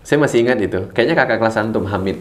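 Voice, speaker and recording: A man speaking as a guest preacher, telling his story in an animated way, swinging between low murmurs and excited high bursts and laughing as he goes. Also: fast. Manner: laughs while telling stories. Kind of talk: storytelling interview talk.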